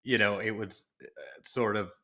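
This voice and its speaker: A man from Los Angeles speaks as a podcast guest in a slightly low voice. He is an animated storyteller who jumps into little acted-out quotes along the way, keeping his talk lively and conversational. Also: moderate pace. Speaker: interview guest. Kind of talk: podcast interview.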